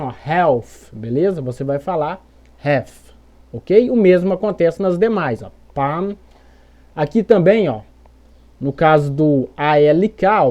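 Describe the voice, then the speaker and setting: A Brazilian woman with a fairly low, mellow voice and a Brazilian Portuguese accent gives an explanatory lesson on English pronunciation. She's patient, repeating examples and checking in constantly with "beleza?"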